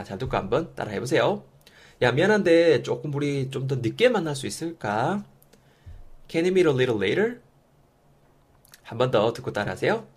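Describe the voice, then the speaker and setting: A man teaching English phrases in a lesson, saying the model sentences slowly for students to repeat. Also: mid-range voice, husky. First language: Korean. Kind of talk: language lesson with listen-and-repeat drills.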